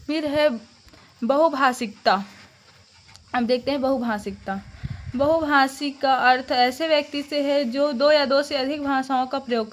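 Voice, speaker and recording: A young woman teaching an exam-prep lesson, reading out definitions and then restating them simply. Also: high-pitched. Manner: explains terms slowly, repeating them.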